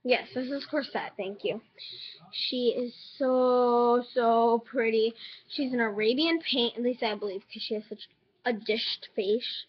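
A high-voiced teenage girl rambles with excitement through a casual unboxing vlog, full of fillers and hiccups. The recording is dull and lo-fi, made at home. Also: normal speed, husky. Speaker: vlogger.

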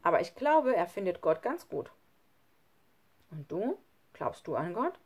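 Eine Frau, die in einem Hörbuch einen ernsthaften, frommen kleinen Jungen spricht. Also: female voice, fairly low pitch, very animated, a little slow, breathy edge, heavily acted. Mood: wondering. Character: earnest, pious little boy.

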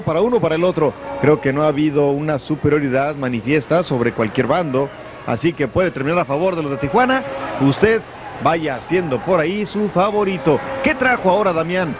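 A male wrestling commentator with a Mexican accent calls live lucha libre play-by-play in a conversational, descriptive way. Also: on the high side. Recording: noisy old VHS broadcast of arena event. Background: noisy wrestling arena.

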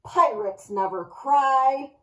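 A woman voicing a swaggering pirate storybook that talks in gruff pirate slang. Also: sits high, takes it slowly. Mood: blustery. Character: swaggering pirate storybook, blustery sea-dog.

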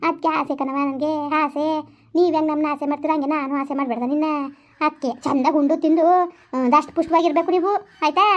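A woman's voice: sits high, steady tone, a little fast, close to an everyday voice. A woman voicing a kind elderly village woman, who talks in a soothing, motherly way. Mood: coaxing. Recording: muffled lo-fi recording.

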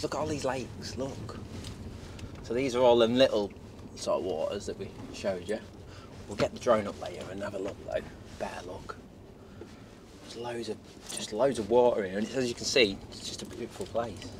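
A man's voice: lowish voice, moderate pace, long pauses. A man presenting a casual fishing vlog outdoors, talking viewers through the venue with chatty enthusiasm. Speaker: fishing vlogger. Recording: outdoor recording with clear background noise.

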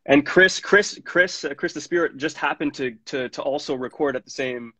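This time the young Montreal music producer has a fairly high, sharp-toned voice at a moderate pace, telling rambling, easygoing, slang-heavy stories with plenty of fillers in a casual radio interview. He uses a studio mic with no echo, and the radio-studio sound is dull and lo-fi.

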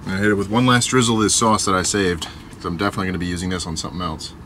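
A young man vlogging as he cooks in a small camper van kitchen, relaxed and chatty. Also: low voice, rapid-fire. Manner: relaxed, chatty, talks while cooking. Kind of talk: casual cooking vlog. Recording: noisy camper van recording.

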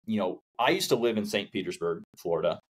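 A man in his late thirties hosting a podcast interview, talking in a relaxed, conversational way with many fillers, recorded on a studio mic at home. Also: fairly low pitch, quick pace, breathy edge. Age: 30s. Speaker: podcast host. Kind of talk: casual interview. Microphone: large studio condenser mic in frame.

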